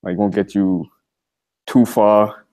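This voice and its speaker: Joining an interview by video call from a library study room, an 18-year-old Malawian college student chats in a relaxed way, sprinkling in many fillers such as "like" and "you know." His voice is fairly low and slow.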